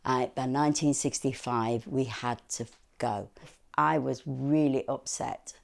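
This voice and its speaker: Gravelly low-voiced older woman. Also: steady tone, measured pace. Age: 60s. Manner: heartfelt, earnest storytelling. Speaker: interviewee. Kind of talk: news interview.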